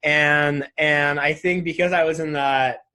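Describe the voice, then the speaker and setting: A man in his twenties speaks as a guest in a relaxed interview, in a voice that sits a little high. He is candid and reflective, and he talks loosely, leaning on "like" and "right?" as he thinks aloud. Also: measured pace. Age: 20s. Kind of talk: casual interview conversation.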